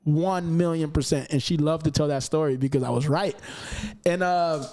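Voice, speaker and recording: Guy with a high voice on a podcast, super animated storytelling, cusses a lot. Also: moderate pace. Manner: animated, emphatic, swears freely. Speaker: podcast guest. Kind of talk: casual storytelling chat.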